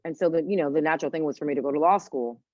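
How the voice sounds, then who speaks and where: A woman's voice: low voice, very fast, darkish tone, no echo, highs cut off. A woman who grew up in Washington, D.C., a guest chef telling her story in a chatty interview and dropping in Spanish phrases. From Washington, D.C., United States. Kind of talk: casual interview conversation.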